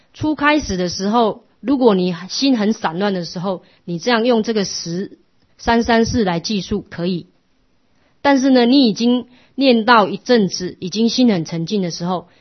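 A middle-aged woman, giving a patient, instructive Buddhist class lecture that often drops to a soft hush. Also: medium pitch. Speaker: Buddhist teacher. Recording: lo-fi muffled recording.

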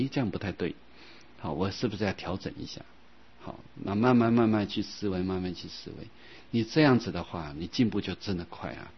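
A man teaching a Buddhist dharma lecture in a gentle, unhurried way, with soft filler sounds and slow, drawn-out recitation of scripture. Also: on the low side, husky. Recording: dull lo-fi sound.

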